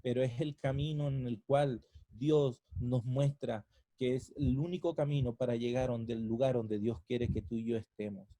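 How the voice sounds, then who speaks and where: A man, preaching a sermon and telling his own story, swinging from soft, hushed lines to loud, impassioned peaks. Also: mid-range voice, fairly even intonation, moderate pace, no echo, poor audio. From Colombia. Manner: emotional, rising to near-shouting at climaxes then dropping soft. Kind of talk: sermon with personal testimony.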